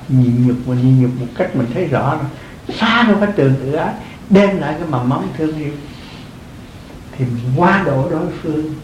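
A man's voice: a little high, a little mellow, roomy sound, slight background noise, poor audio. An older man, a monk, giving an earnest dharma talk to lay followers, repeating his phrases and chuckling often. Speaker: Buddhist monk teaching.

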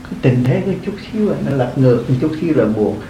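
A man's voice: medium pitch, expressive, fast, dark tone, echoey room, a little hiss or hum, poor audio. An older man, a monk, giving an earnest dharma talk to lay followers, repeating his phrases and chuckling often. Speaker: Buddhist monk teaching.

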